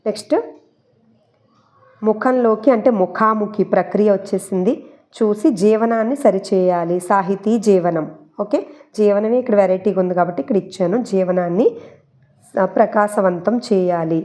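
Mellow-voiced woman teaching memory tricks. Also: medium pitch, steady tone, normal speed, long pauses. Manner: chatty, repeats key points, mixes in English words. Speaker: exam-prep teacher. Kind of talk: explaining memory tricks for a Telugu syllabus.

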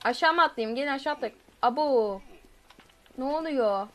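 A woman streaming gameplay talks in a voice that sits high and a bit bright, with lively intonation at a moderate pace. She reads her chat out loud, chats with the audience, and shrieks when chased.

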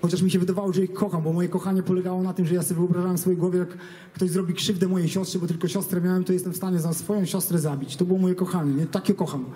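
A man giving an earnest, halting personal testimony to an audience, with many restarts, nervous before the crowd. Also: high voice, level tone, dark tone. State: nervous, stage fright.

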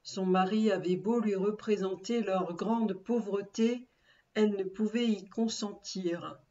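A woman teacher giving a dictation lesson, speaking slowly and carefully, repeating and spelling words aloud. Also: mid-range voice, fairly even intonation, dark tone, dull audio.

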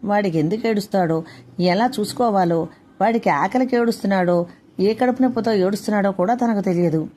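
A woman author narrating her own short story, reading in a plain, steady way. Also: medium pitch, brisk, slight background noise.

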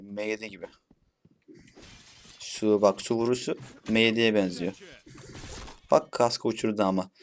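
A young man, a gaming YouTuber, gives casual gameplay commentary in a fairly low voice with a little hiss or hum on the recording. He's chatty, curses playfully at the bots, and shouts when he gets frustrated.

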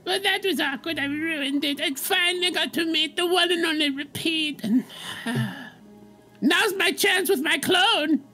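A woman's voice: very high voice, a little slow, pushed and bright, soft background music. A woman streaming a game with friends, playful and giggly with dramatic flourishes. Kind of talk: casual let's-play banter.

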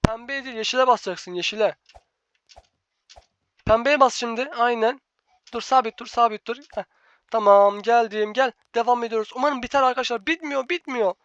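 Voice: mid-range voice, fairly quick, fairly bright tone, no echo, muffled recording. A gaming channel host giving live gameplay commentary, bossy and exasperated, repeating instructions over and over to a teammate.

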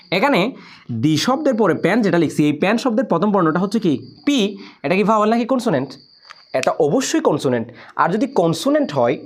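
A young man, an English teacher, explaining grammar to students and often asking whether they follow. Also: on the high side. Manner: lively, questioning the listener directly.

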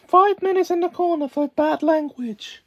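A man's voice: extremely high pitch, moderate pace, fairly bright tone, dull audio. A man voicing a strict woman doll in an amateur puppet show, scolding like a prim schoolmarm, stern and proper. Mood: stern, indignant.

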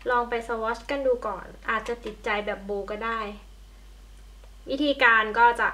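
A woman's voice: a little high, steady tone, measured pace, bright, forceful tone. A young woman, a beauty vlogger at home, chatting casually while she walks through a makeup tutorial. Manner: chatty, friendly, talks while applying makeup. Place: at home by a window in natural light. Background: passing trains.

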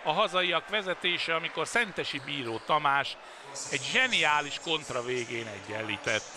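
A Hungarian man delivers excited live sports commentary in a fairly high voice. Loud indoor hall noise and the sound of a bouncing ball surround him as he calls the futsal match in an exclamatory way. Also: crowd noise. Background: indoor sports hall ambience, bouncing ball.

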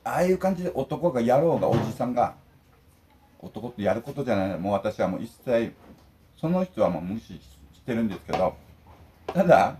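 A man's voice: mid-range voice, big pitch swings, fairly quick, mellow, slight background noise. An older man ranting indignantly and emphatically to his viewers while eating lunch at home. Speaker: vlogger.

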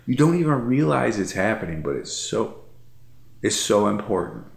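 A sing-song, lowish voice with vocal fry comes from a man in his thirties, moving at a moderate pace in a roomy-sounding space. He's a vlogger on his living room couch at night, casually chatting, rambling, and repeating himself with frequent fillers.

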